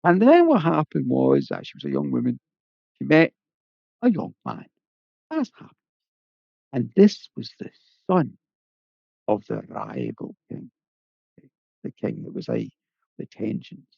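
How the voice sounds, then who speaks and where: A man's voice: medium pitch, huge pitch swings, measured pace, gravelly, long pauses, dry recording, lo-fi sound. A man with an Irish accent telling a folk tale aloud in a chatty, folksy way, with asides to the listener. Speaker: storyteller. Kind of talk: oral storytelling.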